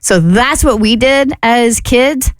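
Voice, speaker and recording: A woman's voice: on the high side, slow pace, no echo. A woman co-hosting a radio talk show, chatting casually and telling stories with easy laughs into a studio mic. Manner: chatty, storytelling, laughs easily. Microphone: studio microphone.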